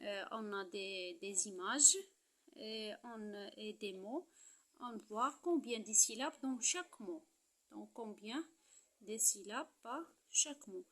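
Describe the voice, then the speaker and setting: A middle-aged woman with a Moroccan accent teaching a primary-school lesson, repeating each word slowly and stressing its syllables. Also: mid-range voice, fairly bright tone.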